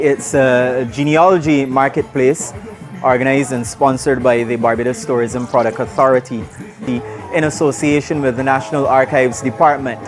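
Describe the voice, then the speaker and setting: A man narrating his vlog from an event in a formal, earnest way. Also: mid-range voice. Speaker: vlogger.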